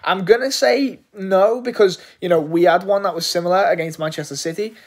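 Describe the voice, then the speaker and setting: Excitable English football fan, rambling. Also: male voice, sits high, brisk. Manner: enthusiastic, rambling, frequent swearing and restarts. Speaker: football fan reviewing a match. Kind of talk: casual post-match reaction.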